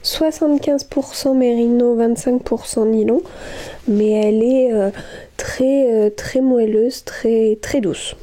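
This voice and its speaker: A woman with a fairly high, warm voice talks slowly and with fairly even intonation in a casual home vlog about her knitting. She hesitates a great deal, restarting and using many fillers, and gushes throughout.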